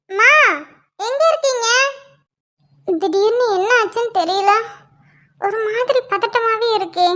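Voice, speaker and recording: A shrill, piercingly bright cartoon voice of a fretful pregnant young wife, as a woman acts her out. She frets and pleads in a squeaky, very high tone. The delivery is cartoon-style voice acting.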